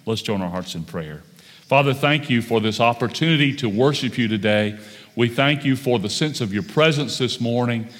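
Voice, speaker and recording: A man preaches at a pulpit microphone, his voice carrying a long reverb through a church sanctuary. His speaking pitch is in the ordinary middle range for a man. He moves through the sermon in a measured way, slowing on key phrases and filling pauses with "uh" and "um". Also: lively intonation, a bit bright. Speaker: pastor.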